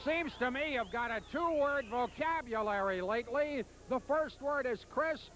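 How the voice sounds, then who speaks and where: A man's voice: extremely high pitch, moderate pace. A man hosting a wrestling show and calling the action with dry, wry quips, on a 1989 TV broadcast. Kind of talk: TV wrestling commentary. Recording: 1989 TV broadcast with loud background noise.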